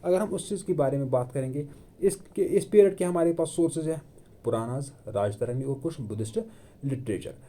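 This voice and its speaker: Brisk and warm, with a voice on the high side, a male coaching teacher delivers an exam-prep history class online. His Hindi is peppered with English terms, and he repeatedly asks and then answers his own questions while reinforcing key terms.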